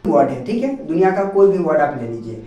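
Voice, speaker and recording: A man's voice: a little high, lively intonation, fast, dark tone, lo-fi sound, faint music behind. Man teaching, echoey and far off. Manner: repetitive, checks understanding often. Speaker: English teacher and channel host. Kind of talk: spoken video lesson. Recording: echoey room, distant mic.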